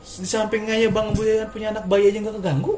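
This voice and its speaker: Fast-talking man, echoey room. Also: high-pitched. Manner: fast, slangy Jakarta street talk, lively asides. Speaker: interviewer. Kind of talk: casual storytelling chat. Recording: echoey room with music underneath.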